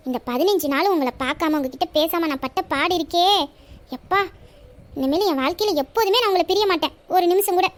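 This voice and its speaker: A woman's voice: very high-pitched, a little fast. A woman voicing a young college girl in love in a romantic audio drama, pleading and coaxing her sweetheart. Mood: affectionate.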